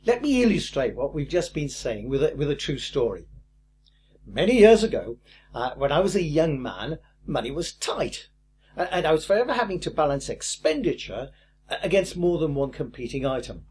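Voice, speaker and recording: An older man teaching a recorded course lesson in a lively, emphatic way with a husky voice. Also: a little high, moderate pace. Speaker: course instructor.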